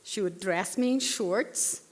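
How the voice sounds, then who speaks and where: Sitting on a panel, a woman in her 60s from Brazil tells a personal story with sincerity and a Brazilian Portuguese accent, pausing on fillers and starting over at times. She speaks slowly at medium pitch, recorded with long hall reverb.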